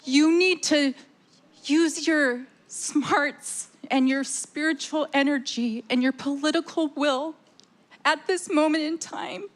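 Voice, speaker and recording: Slow, high-voiced woman pleading emotionally. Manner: heartfelt, pleading. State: emotional, near tears. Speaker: shareholder speaking at a meeting. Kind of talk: emotional public comment speech. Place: hotel meeting hall.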